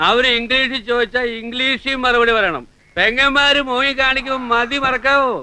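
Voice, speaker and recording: An actor playing a proud, hard-drinking older uncle who blusters and threatens in film dialogue. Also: male voice, extremely high pitch, steady tone, fairly quick, sharp tone, clear, resonant tone, dry recording, exaggerated voice. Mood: indignant.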